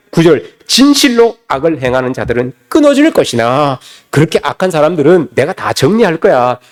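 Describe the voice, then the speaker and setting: A man's voice: sits high, a little mellow. A man preaching a sermon to church teachers, emphatic, with many rhetorical questions and repeated phrases. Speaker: pastor.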